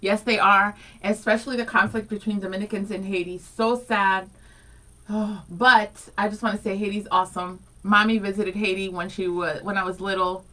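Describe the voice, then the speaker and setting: Bubbly, bright-voiced female radio co-host. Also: mid-range voice, normal speed, low-quality recording. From Ohio. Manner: bubbly, excitable, reads listener comments aloud. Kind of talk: casual morning radio chat.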